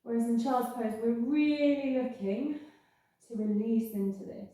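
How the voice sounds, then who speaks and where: Careful, unhurried woman in a very echoey room. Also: fairly high pitch, mellow. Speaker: yoga instructor. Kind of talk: guided yoga class instruction. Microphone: worn mic near the face. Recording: very echoey room, distant-sounding.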